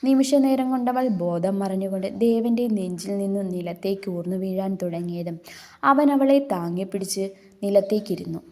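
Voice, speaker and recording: A woman narrating a love story in a steady, earnest reading style. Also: mid-range voice, normal speed.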